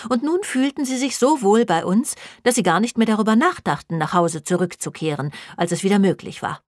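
A woman reads a first-person story aloud with a wry, even delivery. Her voice sits in a middle range. The sound is close and dry, with no room echo. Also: mid-range voice, a little fast. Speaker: narrator. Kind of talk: first-person audiobook narration.

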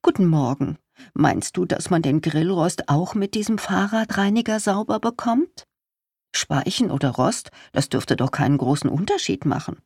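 A reader voicing Inge, a practical older wife who is patient but insistent. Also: female voice, fairly low pitch, lively intonation, normal speed, darkish tone, husky, no room sound, clean studio sound, pitched above the performer's own voice. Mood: scheming.

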